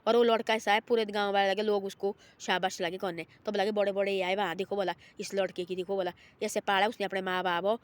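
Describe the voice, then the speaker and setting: A woman's voice: mid-range voice, level tone, brisk, hardly any pauses. Woman, informal storyteller; loose, repetitive delivery that slips into the voices of her characters.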